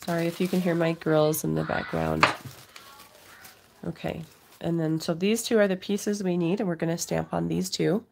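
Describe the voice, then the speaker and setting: A woman's voice: fairly low pitch, steady tone, moderate pace, gravelly, darkish tone, a little hiss or hum. A middle-aged woman with a cold, giving a casual craft demonstration to viewers as the host at home. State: has a cold, occasional cough. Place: indoors at a home craft table.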